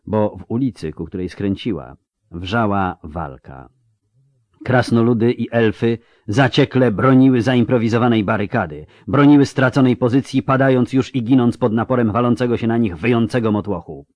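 A man's voice: medium pitch, moderate pace, darkish tone, dry recording. A man narrating a fantasy audiobook with a dramatic, varied delivery.

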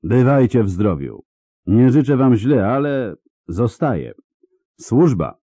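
A man's voice: mid-range voice, big pitch swings, slow pace, mellow, husky, no echo, voice pushed up, exaggerated voice. A man doing a curt dutiful soldier tracker. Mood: firm.

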